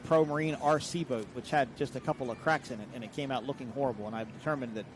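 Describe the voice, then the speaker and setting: Talking fast with fairly even intonation at medium pitch, an American man provides explanatory live commentary at an outdoor boat race, where outdoor vehicle and engine noise is clearly audible.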